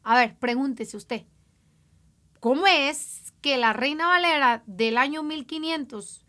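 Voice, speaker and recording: A woman with a high, bright, sharp-edged voice leads an informal Bible lesson. She talks to her listeners directly and often asks them rhetorical questions. She slows right down to stretch out the words she wants to stress. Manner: draws out words slowly for emphasis. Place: lives in an English-speaking country.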